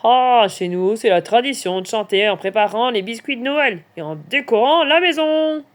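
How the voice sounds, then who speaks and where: Woman doing a gentle father marten. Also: fairly high pitch, lively intonation, normal speed, close to an everyday voice. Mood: fond.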